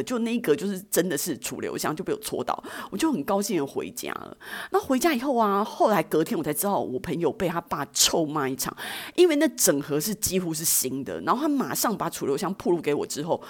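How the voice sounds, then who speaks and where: A woman's voice: fairly low pitch, very animated, quick pace. A woman, telling personal stories as a podcast host in a chatty, self-mocking way. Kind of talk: personal storytelling.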